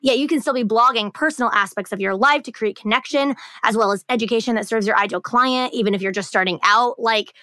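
Woman podcast co-host, casual and chatty, bright high-ish voice, dry close sound. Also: quick pace, few pauses, dry recording. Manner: chatty, heavy use of "like" and "um". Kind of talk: casual chat.

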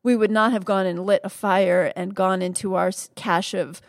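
A woman in her fifties hosts a podcast and talks through medical ideas in an articulate, brisk conversational way. Her voice is recorded close and very dry, with no room sound. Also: medium pitch, fairly even intonation, dry recording. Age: 50s. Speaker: podcast host and physician. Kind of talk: casual conversational interview.

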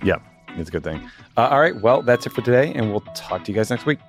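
A man's voice: medium pitch, sing-song, quick pace, soft background music. An American man co-hosting a podcast, speaking in casual chat and informal sign-offs. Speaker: podcast co-host.

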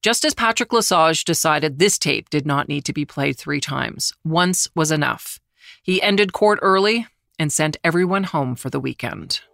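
A middle-aged journalist narrating a true-crime story in a measured, somber way, slowing down on the grave details. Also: medium pitch, lively intonation, vocal fry, a bit bright, no room sound, clean studio sound. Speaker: journalist who covered the trial, narrating.

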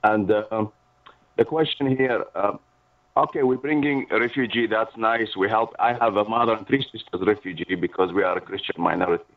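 A middle-aged man from Iraq, calling in to a radio show and searching haltingly for his words. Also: lowish voice, fairly even intonation. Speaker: caller. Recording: distant tinny phone line.

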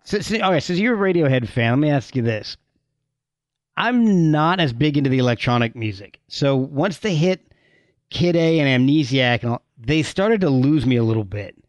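A man's voice: fairly high pitch, animated, normal speed, no room sound, muffled recording. Chatty male interviewer, dry close sound. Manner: chatty, repeats words when starting sentences. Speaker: podcast host. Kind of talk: casual interview chat.

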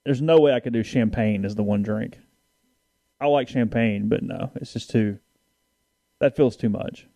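Guy co-hosting a call-in show, easy chat, dark mellow voice, close dry mic. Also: medium pitch, normal speed, long pauses, no room sound. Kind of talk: casual chat.

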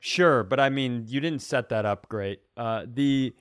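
With a smooth, mid-range voice that runs a little slow, a middle-aged man trades casual comic banter and tells stories on the comedy podcast he co-hosts, all in a mock-earnest way.

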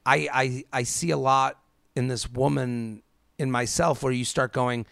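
With an unhurried, gravelly mid-range voice, this thirties-aged podcast co-host gives casual advice, poses rhetorical questions, and voices lively quotes from made-up speakers. The audio is clean studio quality with no echo.

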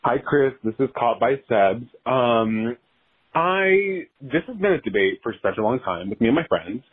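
Deep pitch-shifted male caller, tinny. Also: very animated, normal speed, husky. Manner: hesitant, full of ums and likes. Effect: sounds deep and pitch-shifted, like a voice changer. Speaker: caller leaving a voice message. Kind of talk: casual recorded question. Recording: tinny phone-like voice message.

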